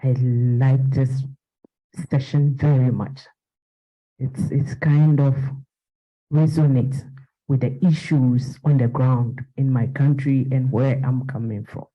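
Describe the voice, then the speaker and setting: A woman's voice: extremely low pitch, steady tone, takes it slowly, lo-fi sound. A woman from Ghana, speaking earnestly from the floor at a panel.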